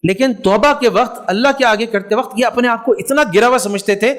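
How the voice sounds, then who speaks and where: A man's voice: very high-pitched, fairly bright tone. A man with a Pakistani Urdu accent giving a sermon, telling a moral story earnestly and slipping English words into his Urdu. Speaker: religious speaker.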